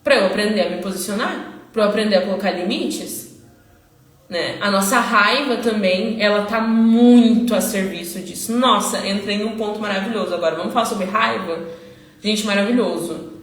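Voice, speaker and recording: A woman hosting a casual motivational live talk, animated and answering questions she imagines from her audience. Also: medium pitch, normal speed, reverberant. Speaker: live-stream host.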